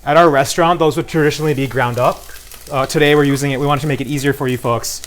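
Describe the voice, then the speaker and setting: This guest at a cooking demo, a cook and co-founder of a beer brand, speaks fast in a slightly high voice with fairly even intonation. He's casual and eager, pitching like a promoter, while a frying pan sizzles clearly behind him.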